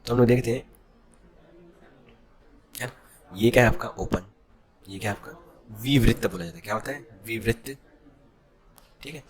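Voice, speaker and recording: A man's voice: medium pitch, moderate pace, long pauses, breathy edge. A male teacher giving an exam-prep lesson. He asks questions and answers them himself, checking in with the class after nearly every point. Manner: drills with self-answered questions and constant "okay?" checks.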